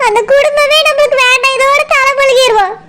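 A woman's voice: very high voice, a little fast, pushed and bright. Woman voicing a weepy village mother. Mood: pleading. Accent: Tirunelveli Tamil. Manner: pleading, weepy. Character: tearful middle-aged village mother, pleading sister.

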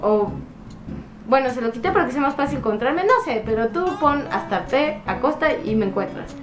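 A woman's voice: high-pitched, expressive, moderate pace. A woman vlogger chatting casually to camera, giving advice in a friendly way full of fillers. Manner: chatty, warm advice with diminutives and frequent fillers. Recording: echoey room with guitar music.

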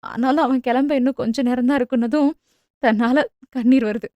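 A woman's voice: high voice, fairly even intonation, brisk, dark tone, no room sound, highs cut off, close to an everyday voice. A woman voicing an older loving mother who speaks heartfelt and emotional about her son. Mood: wistful.

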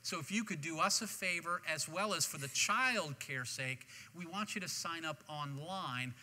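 A male pastor delivers a sermon in an animated, restarting manner. His voice sits high and rings very bright. A long hall reverb trails every phrase. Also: normal speed. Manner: animated preaching with repeated restarts. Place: church sanctuary.

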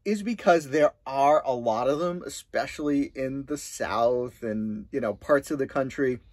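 A man's voice: mid-range voice, unhurried, no room sound. Middle-aged man listing tips, dry sound. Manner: steady, explains in lists with many ums and uhs. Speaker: co-host of an RV travel channel. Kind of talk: casual explanatory chat. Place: small indoor room in front of a green screen.

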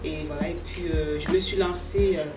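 A middle-aged woman from Cameroon talks about her work as a fashion designer, pausing often and restarting her sentences. Her voice sits a little low. It bounces around an echoey boutique, picked up from a distance with clear music playing underneath. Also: steady tone. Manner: hesitant, many fillers and restarts, earnest. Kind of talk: casual interview answers. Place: indoor boutique, seated.

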